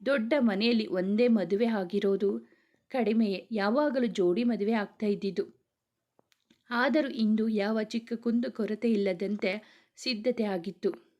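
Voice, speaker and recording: Woman reading out a love story, steady even telling, does all the lines in her own voice. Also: medium pitch, a little slow. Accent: Kannada. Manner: reads all dialogue in her own plain voice. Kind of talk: scripted story narration.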